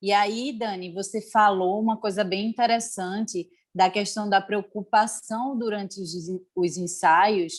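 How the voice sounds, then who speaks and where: A woman's voice: mid-range voice, fairly even intonation, measured pace, hardly any pauses. A woman hosting a live-stream interview, speaking reflectively and hesitantly, often repeating words. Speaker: host.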